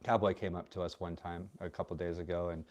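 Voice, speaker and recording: A man with a low-pitched voice talks bluntly in a casual livestream chat. He is outspoken and rambles from one thought to the next, and he has the hiccups. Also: little pitch movement, fast talker, darkish tone, dull audio. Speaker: co-host.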